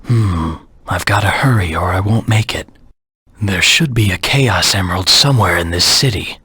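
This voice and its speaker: Shadow, a deep, very husky brooding antihero. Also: male voice, normal speed, pushed and bright, no room sound, studio quality, exaggerated voice. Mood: brooding intensity. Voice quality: low, husky rasp. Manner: grim, terse, menacing. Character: brooding male antihero hedgehog, cold, defiant and driven. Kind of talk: video game character voice acting.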